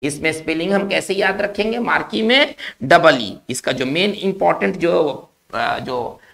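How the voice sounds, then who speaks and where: A male teacher giving a spelling lesson, explaining slowly, repeating key words and checking in with his class. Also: on the high side, animated, vocal fry, fairly bright tone.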